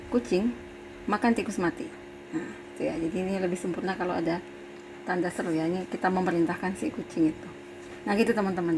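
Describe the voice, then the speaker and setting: A woman's voice: medium pitch, a little mellow, slight background noise. A middle-aged woman lecturer giving a recorded university lesson, explaining patiently step by step and checking in with her students after almost every sentence. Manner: patient, explains step by step, many tag questions.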